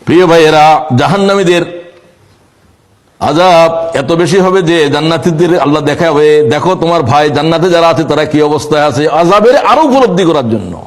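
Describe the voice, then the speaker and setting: A man's voice: lively intonation, normal speed. Chanting preacher, man. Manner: sing-song chanting, sudden high exclamations. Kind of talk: sermon with chanted Arabic recitation.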